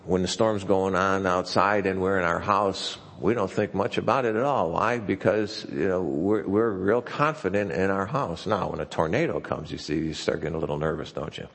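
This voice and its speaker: A low-voiced male pastor preaches in a folksy, chatty manner, stumbling and restarting as he goes. His voice is gravelly and a little husky. A long reverb from a church hall trails behind each phrase. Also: normal speed, few pauses, fairly bright tone. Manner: conversational and folksy, with frequent restarts. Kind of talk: sermon. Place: church sanctuary.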